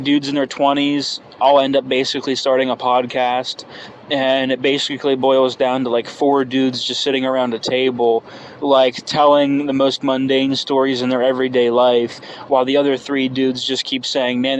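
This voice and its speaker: A man's voice: mid-range voice, flat delivery, normal speed. Young man rambling casually over background noise. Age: early 20s. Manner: rambling, hesitant, thinking aloud. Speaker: podcast host. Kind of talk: unscripted casual solo podcast monologue. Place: inside a parked car. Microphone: phone microphone. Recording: noisy car-interior phone recording.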